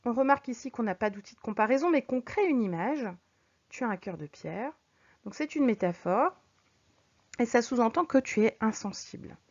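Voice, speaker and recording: A woman teacher explaining figures of speech to her students, patient, reading examples slowly and clearly. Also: fairly high pitch, lively intonation, a little mellow. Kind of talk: recorded French lesson. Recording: dull lo-fi recording.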